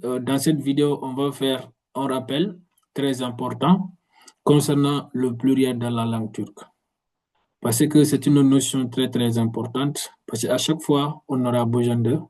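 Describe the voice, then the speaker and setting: A man teaching a language in a video lesson, explaining slowly and repeating words, often restarting his sentences. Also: medium pitch, mellow, low-quality recording. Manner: slow, repetitive explanations with frequent restarts.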